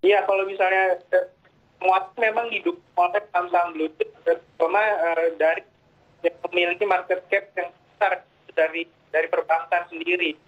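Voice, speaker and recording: A man's voice: high voice, fairly even intonation, normal speed. A man speaking as a market analyst over a video call whose audio keeps breaking up, talking hesitantly with many filler sounds. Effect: choppy video call audio that keeps breaking up. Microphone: remote video call. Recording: tinny, phone-like video call line.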